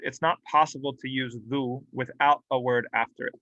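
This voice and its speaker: A man's voice: medium pitch, steady tone, normal speed, a bit bright, no echo, highs cut off. A man teaching a classroom grammar lesson, explaining patiently and drilling example words aloud with light humor. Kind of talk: classroom lecture. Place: mosque classroom.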